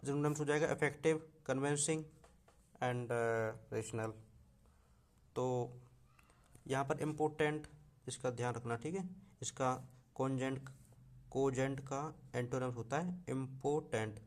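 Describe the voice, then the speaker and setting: A man's voice: mid-range voice, measured pace, pauses often, darkish tone. A young man teaching an exam vocabulary lesson, reading words off a list, repeating them and correcting himself.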